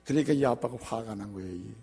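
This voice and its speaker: A man preaching a sermon as pastor, swinging between quiet and loud passages. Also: on the low side, fast.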